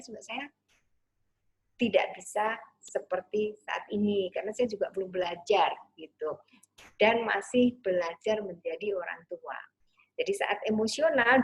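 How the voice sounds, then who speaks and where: A woman parenting coach giving a gentle online talk, sometimes acting out soothing words to a child. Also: medium pitch, breathy edge.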